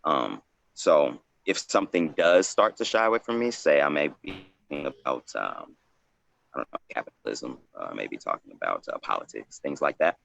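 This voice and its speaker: A man's voice: a bass voice, animated, normal speed, gravelly, fairly bright tone, dry recording. A man who is a poet, talking reflectively and informally on a panel in a loose, rambling way. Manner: loose, rambling, frequent "you know".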